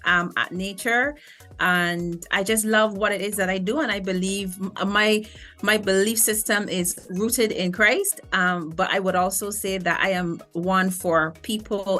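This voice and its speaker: Bright-voiced woman singer. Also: medium pitch. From Barbados. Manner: earnest, reflective, with frequent restarts. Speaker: guest singer and vocal coach. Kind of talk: interview conversation.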